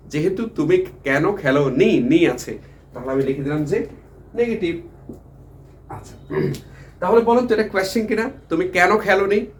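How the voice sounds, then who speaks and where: A man's voice: fairly high pitch, slight background noise. A man teaching English grammar who keeps asking his viewers questions and then answering them himself, repeating the key words. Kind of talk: grammar lesson explaining at a board.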